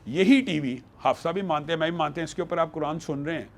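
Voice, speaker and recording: A man on a studio panel with a fairly high-pitched voice drives his argument home with firm emphasis. He quotes scripture and presses each point like a debater. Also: gravelly, a little hiss or hum. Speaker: religious panelist.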